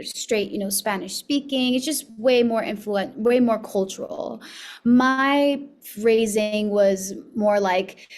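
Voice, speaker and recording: A young woman from Miami, an actress guest chatting casually in an interview, filling her talk with likes and laughs. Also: medium pitch. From Miami, United States. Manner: chatty, laughs often, many fillers.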